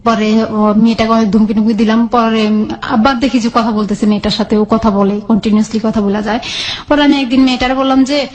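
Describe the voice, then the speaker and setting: A woman's voice: a little high, fairly even intonation, brisk, darkish tone. A woman on a radio show telling her own life story in rambling, colloquial speech with many restarts. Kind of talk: emotional personal storytelling.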